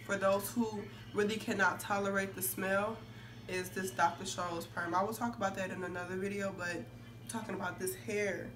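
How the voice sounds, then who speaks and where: A young woman vlogging about beauty talks casually and emphatically to camera, her mid-range voice steady in tone and moderate in pace but hoarse and congested from a cold, with some throat-clearing. She's filmed indoors near curtains by a phone a few feet away, producing distant, noisy audio.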